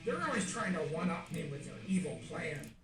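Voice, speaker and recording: A man's voice: fairly high pitch, big pitch swings, brisk, a crowd in the background. A man voicing a taunting male demon in a puzzle clip, his voice given a demonic layered effect, boastful and taunting. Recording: echoey, distant, loud music behind.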